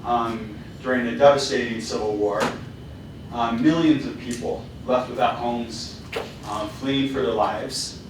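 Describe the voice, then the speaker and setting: A company founder's casual presentation to students, with many fillers and restarts, is captured from a distance in a very echoey hall with a noisy background. His mid-range male voice keeps a fairly even intonation at a measured pace.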